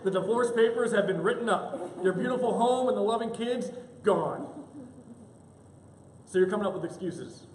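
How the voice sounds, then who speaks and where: At a normal speed and in a high voice, a male pastor preaches a sermon, bringing a story to life by acting out the people in it through animated quoted asides. The church sanctuary makes the recording echoey, with a slight hiss or hum.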